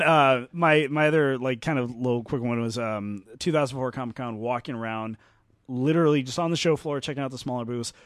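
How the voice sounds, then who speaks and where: A man casually telling funny convention stories with lively, self-deprecating asides. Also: a little high, no echo. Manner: animated storyteller, self-deprecating, swears casually. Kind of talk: casual chat.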